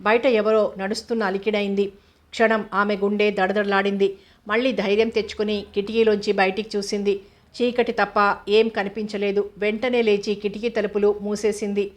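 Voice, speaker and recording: A woman narrating an audio novel in a steady, even reading voice. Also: mid-range voice.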